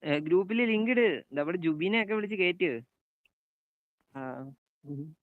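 Chatty Malayali gaming streamer. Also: male voice, high voice, lively intonation, measured pace, dry recording, narrow, tinny audio. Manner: chatty, calls out passes and greets viewers by name. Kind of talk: live game commentary and chat with viewers.

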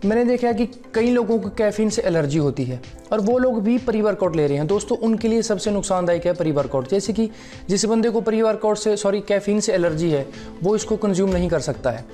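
A man's voice: sits high, animated, brisk, warm tone, faint music behind. A young man reviewing a fitness supplement to camera from his living room, explaining in a friendly way and often calling out to viewers as friends. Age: young adult. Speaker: fitness vlogger. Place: living room at home, seated on sofa. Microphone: lapel mic.

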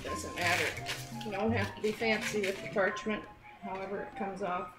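An older woman baking in a home kitchen with her daughter, calm and brief, quietly explaining what she is doing with her hands. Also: mid-range voice, normal speed, roomy sound, music in the background. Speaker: cooking show guest, the host's mother. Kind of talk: casual chat while baking.

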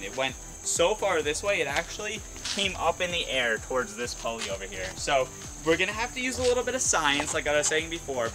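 A man hosting a hobby vlog outdoors, explaining an experiment with energetic, cheerful talk. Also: fairly high pitch, rough recording. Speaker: RC hobby channel host. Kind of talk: excited demo vlog.

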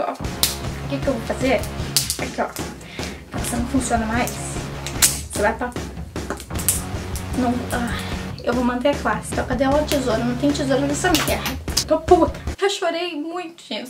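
A young woman venting at home in a vlog, stressed and tearful, swearing and exclaiming. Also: high voice. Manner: upset, swearing, expressive outbursts. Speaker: vlogger. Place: at home, indoors.

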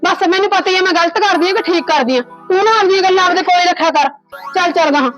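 A woman playing a high-voiced, sharp-tongued daughter-in-law. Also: fast talker, muffled recording, over music. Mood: bossy, scolding. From Punjab, India. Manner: bitter, scolding, nagging.

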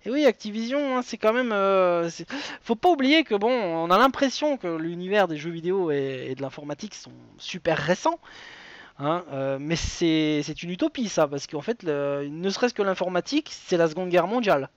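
Chatty high-voiced quiz host man. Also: lively intonation, normal speed, dry recording, highs cut off. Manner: chatty, digressive, many fillers. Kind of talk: live web quiz hosting.

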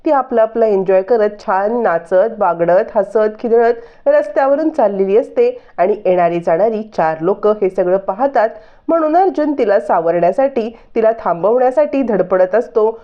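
A woman recapping a TV serial episode in a lively storytelling manner, on dull lo-fi audio. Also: mid-range voice, normal speed.

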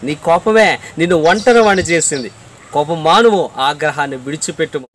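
Man, preacher, high-pitched, earnest, repetitive emphasis, faint background hiss. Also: a little fast, fairly bright tone. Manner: earnest, repeats phrases for emphasis, addresses listener directly.

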